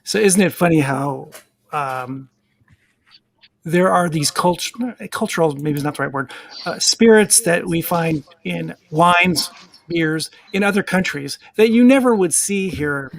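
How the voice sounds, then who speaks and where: A man's voice: on the high side, unhurried, vocal fry. A man hosting a casual live online chat, asking rambling questions that he corrects as he goes. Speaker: show host.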